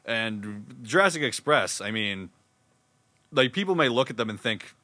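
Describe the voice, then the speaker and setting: Dude cohosting a chat show, bright voice, dry close mic, laughs a lot and swears. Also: male voice, mid-range voice, animated, measured pace, no room sound. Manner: laughs often, swears casually. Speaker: podcast co-host. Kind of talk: casual chat.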